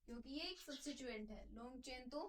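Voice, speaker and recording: Lady teacher going thru a chem lesson step by step, high voice, sounds a bit off mic. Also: fast talker, recorded from a distance, background noise. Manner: step-by-step explaining, asks and answers own questions. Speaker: chemistry teacher. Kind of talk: classroom lecture.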